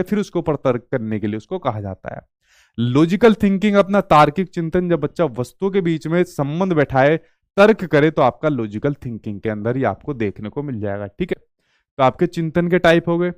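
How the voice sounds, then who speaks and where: A man's voice: fairly high pitch, dry recording, studio quality. A male teacher giving an exam-prep lecture, asking and answering his own questions as he explains.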